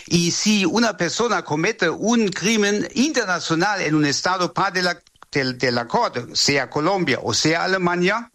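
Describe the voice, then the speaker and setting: A German man, a legal expert, answering interview questions in Spanish with a German accent, often pausing and repeating words as he searches for them. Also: sits high, animated, a bit bright.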